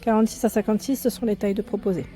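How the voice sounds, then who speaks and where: Very fast and steady in tone, this medium-pitched fashion vlogger gives a relaxed walkthrough of a clothing shop. She often corrects herself and talks over the loud music playing in the store, faintly audible behind her.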